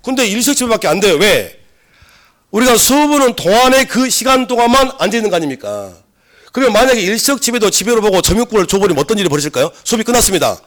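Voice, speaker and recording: A man giving a classroom law lecture, loud and lively, quizzing the class, slightly hoarse from a cold. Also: high-pitched, fast talker. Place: lecture room.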